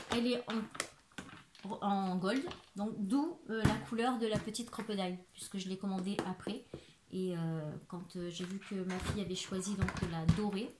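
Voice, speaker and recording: A woman in her forties from France, chatting casually through a crafting haul with lots of fillers and restarts, recorded at home. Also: mid-range voice. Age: 40s. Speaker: crafting YouTuber. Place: home living room. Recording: echoey room with background noise.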